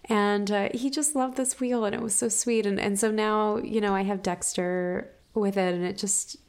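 A woman chatting casually about her own life in a halting, thinking-aloud way, with mouse clicks behind her. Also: medium pitch, fairly even intonation, a little mellow, clear, resonant tone. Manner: halting, thinking aloud with frequent "like" and trailing restarts. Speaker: hamster owner and podcast or vlog host. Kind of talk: casual personal chat, rambling.

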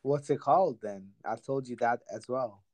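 A man's voice: mid-range voice, moderate pace, a little mellow, poor audio. A drunk twenty-one-year-old man hosting a casual chat, laughing a lot, swearing heavily and rambling. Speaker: podcast host.

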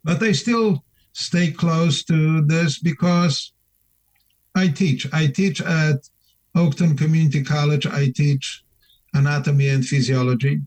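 A middle-aged man from Poland with a Polish accent, a new deacon calling in to a radio interview, speaking in an earnest, measured, plain-spoken way. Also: a little high, steady tone, a little mellow, poor audio. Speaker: newly ordained deacon, guest.

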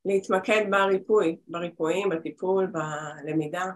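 A woman's voice: lowish voice, fairly even intonation, a little hiss or hum. Chatty woman in her forties. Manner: chatty, rambling with restarts. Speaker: guest, spiritual healer. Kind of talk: casual interview over video call. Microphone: video call.

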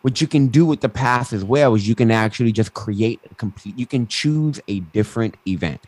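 A man's voice: mid-range voice, brisk, darkish tone, slightly rough, dry recording, low-quality recording. A man with a lisp who says w for r, explaining ideas emphatically as a coach and interview guest. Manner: emphatic, mild swearing, acts out quotes. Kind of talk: animated explanatory interview talk. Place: indoors, online video call.

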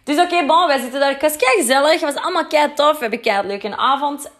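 Young woman, Flemish accent, a touch high-pitched, chatty storytime vlogger who swears casually. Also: fast. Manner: chatty, swears freely, lively retelling.

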